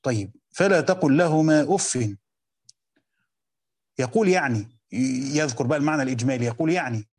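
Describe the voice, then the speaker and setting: An Egyptian man leads a lesson, reading each line of an old text slowly and deliberately before explaining it in fast everyday speech. His voice sits a little high, and he keeps turning to his students with questions. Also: a little mellow. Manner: reads quoted text slowly, then explains in quick colloquial asides, quizzing students. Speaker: teacher of Quran commentary.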